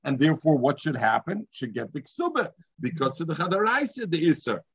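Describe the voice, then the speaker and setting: Yiddish-accented man teaching Talmud, slightly husky. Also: on the high side, very animated, fairly quick, no room sound, muffled recording. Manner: repetitive, asks and answers own questions. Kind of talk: informal Talmud lesson, reading and explaining.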